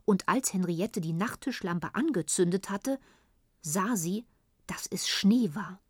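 A woman reading a children's story aloud in a calm, even storytelling manner. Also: mid-range voice, unhurried, slightly rough, dry recording, clean studio sound. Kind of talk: storybook narration.

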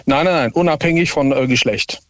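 A man's voice: fairly high pitch, fairly quick, a bit bright, highs cut off. A man calling in to a radio guessing game, hesitant and giving short denials. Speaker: caller.

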